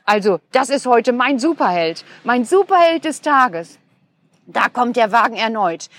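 A woman hosting a kindergarten podcast, excitedly narrating a delivery to children from a building entrance. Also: on the high side, unhurried. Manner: excited, breathless reporting. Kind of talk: live commentary for children. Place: at a kindergarten entrance, partly outdoors by a truck.

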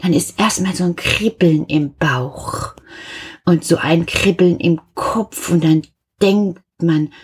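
A woman reading a children's story aloud, gentle and animated, speaking directly to young listeners. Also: lowish voice, takes it slowly, husky.

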